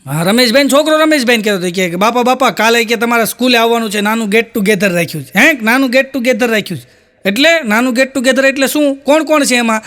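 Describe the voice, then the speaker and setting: A man telling stand-up jokes, acting out the characters' lines in a higher voice. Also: quick pace, fairly bright tone, a little hiss or hum. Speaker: stand-up comedian.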